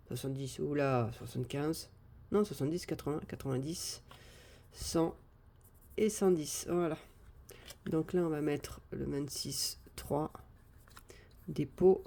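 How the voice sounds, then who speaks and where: A woman chatting casually live on a phone camera, thinking out loud as she sorts and counts cash. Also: low-pitched, gravelly. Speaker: budgeting vlogger.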